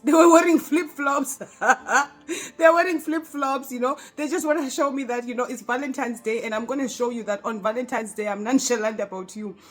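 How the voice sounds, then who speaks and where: A woman's voice: on the high side, a little mellow. A South African woman tells a personal story in a casual storytime vlog. She is chatty and speaks right to her viewers, laughing often as she goes. Faint music plays behind her. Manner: chatty, talks straight to viewers with frequent laughs. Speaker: vlogger telling a story.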